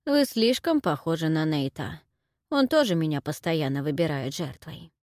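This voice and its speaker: A weary old historian, voiced by a woman narrator speaks quietly, slowly and with resignation. His voice sits a little lower and softer than the narration. The storybook recording is dry. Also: expressive, no room sound. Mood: resigned.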